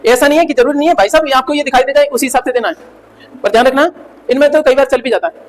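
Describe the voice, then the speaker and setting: A man's voice: extremely high pitch, racing. A male English teacher giving a revision lecture, asking the class questions and answering them himself, repeating key words and spelling out letters. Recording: reverberant room with faint noise.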